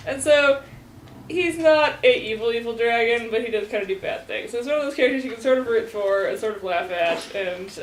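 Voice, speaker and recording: A woman chatting casually on a podcast, rambling and chuckling as she talks. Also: on the high side. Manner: rambling, chuckles through her talk. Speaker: podcast co-host. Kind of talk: casual chat. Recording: roomy with faint noise.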